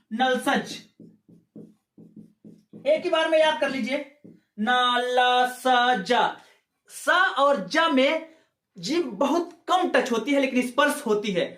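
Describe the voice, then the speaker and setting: In an echoey room, a man whose voice is very high and fairly bright teaches grammar for exam preparation. He walks through each step, asks rhetorical questions, repeats himself, and keeps checking on his students with "ठीक है".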